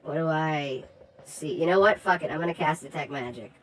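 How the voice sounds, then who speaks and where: A woman playing a tabletop game, blunt, excitable and freely swearing. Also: sits low, a little fast, poor audio. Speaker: player.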